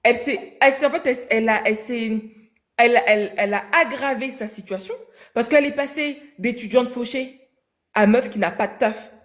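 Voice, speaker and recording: A young woman telling a story casually in an interview, animated and slangy, acting out the dialogue. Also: fairly high pitch, a little fast. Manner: animated, slangy, acts out dialogue in quoted voices.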